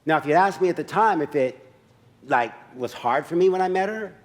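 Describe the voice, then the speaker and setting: A man's voice: on the high side, lively intonation, a little fast. A man in his sixties performs a personal story as a stage monologue at a church service. He talks in a conversational way and acts out the scenes with asides to the audience. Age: 60s.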